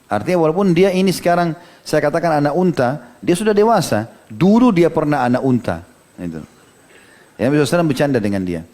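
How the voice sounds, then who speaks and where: A man's voice: a little high, expressive, quick pace, a little mellow. A middle-aged man giving an Islamic sermon, telling stories from hadith with frequent "ya" asides. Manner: storytelling lecture, quoting hadith, frequent "ya" asides. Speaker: Islamic preacher.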